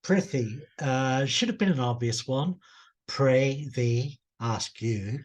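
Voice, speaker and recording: Man, podcast co-host, slow pace, measured explaining, casual chat. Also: mid-range voice, lively intonation.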